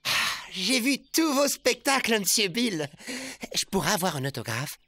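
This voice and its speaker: A woman playing a naive, earnest young boy who herds animals in a French animated cartoon, hesitant when flustered. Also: mid-range voice, moderate pace. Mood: starstruck. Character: naive, earnest young boy herding beloved tame bison. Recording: music behind the voice.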